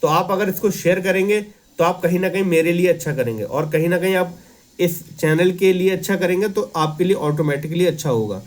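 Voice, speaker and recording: A man with a slightly raised pitch teaches an exam-prep class. He reads each English line slowly, then explains it calmly in mixed Hindi and English. His tone stays reflective and steady.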